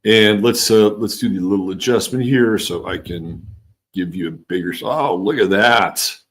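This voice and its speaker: He's a livestream host speaking in a fairly low, unhurried voice with a mixed California and East Coast accent. Chatting casually and reading comments from viewers, he rambles, lets sentences trail off, starts again, and swears without much thought.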